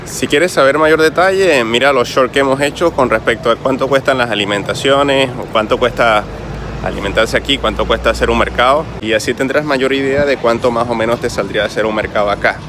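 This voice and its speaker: A man's voice: mid-range voice, fairly quick. A man from the Caribbean with a Caribbean Spanish accent, explaining things to viewers in a chatty travel vlog, recorded outdoors on a city street. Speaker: travel vlogger. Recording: clear street noise behind voice. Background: traffic and street ambience.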